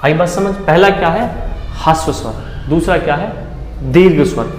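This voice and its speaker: A man's voice: fairly high pitch, normal speed, a little mellow. A male teacher giving an exam-prep grammar lesson, who keeps asking questions and answering them himself and often checks that the class understands. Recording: echoey room with long reverb and faint background noise.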